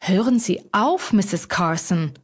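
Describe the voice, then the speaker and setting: A woman's voice: mid-range voice, animated, slow, husky. A woman voicing an elderly male butler who speaks firmly and matter-of-factly. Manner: firm, matter-of-fact. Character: steady elderly male butler, loyal and calm.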